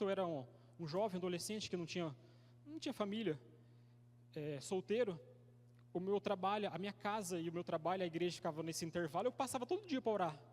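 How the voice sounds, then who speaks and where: High-voiced Brazilian young man preaching. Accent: Brazilian Portuguese. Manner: slangy and conversational, calls listeners "cara"; acts out quoted voices in his story. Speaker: youth pastor preacher. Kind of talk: sermon with personal storytelling. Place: church hall. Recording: reverberant church hall.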